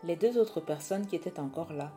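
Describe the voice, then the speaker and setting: Low-voiced woman narrating a dark story. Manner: intense, measured storytelling. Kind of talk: dramatic audiobook narration. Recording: loud background music.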